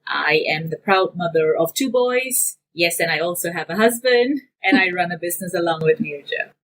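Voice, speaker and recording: A woman's voice: on the low side, moderate pace, slight background noise, rough recording. A woman from Singapore, a business owner, giving detailed interview answers with some fillers. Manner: detailed, steady explaining with fillers.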